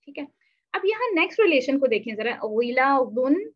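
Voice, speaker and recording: Woman teacher, high voice, keeps quizzing the class then answering herself, kinda muffled lo-fi audio. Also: big pitch swings, fairly quick. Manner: asks the class questions and answers them herself; mixes in English words. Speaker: Quran recitation teacher. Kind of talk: online tajweed lesson. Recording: dull lo-fi recording.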